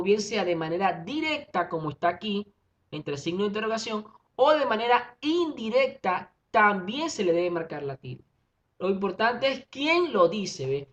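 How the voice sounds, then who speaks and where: Woman teacher going over grammar, keeps asking if you follow, kinda muffled lo-fi audio. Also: mid-range voice. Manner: reads out examples, checks in with '¿ve?' and '¿verdad?'. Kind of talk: explaining a grammar lesson. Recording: dull lo-fi recording.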